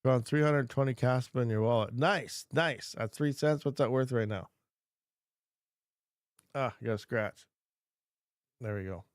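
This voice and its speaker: A man's voice: mid-range voice, unhurried, long pauses, no room sound, clean studio sound. A man hosting a casual livestream Q&A, rambling and reading chat questions aloud from a home desk. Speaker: crypto mining channel host.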